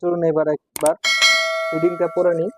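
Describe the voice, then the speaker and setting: A man's voice: a little high, level tone, normal speed, very noisy. A man teaching Quran reading, patiently spelling out syllables and repeating each word several times. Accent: Bangladeshi Bengali. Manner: patient, syllable-by-syllable drilling with repetitions. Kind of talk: spelling and recitation lesson. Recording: dull, lo-fi sound.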